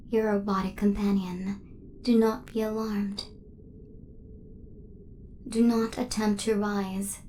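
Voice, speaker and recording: Calm and reassuring, a woman whispers through an ASMR roleplay as a guardian-like, devoted robot huntress, her speech precise, formal, and mechanical. Her voice is natural and mid-range, set against slight background noise.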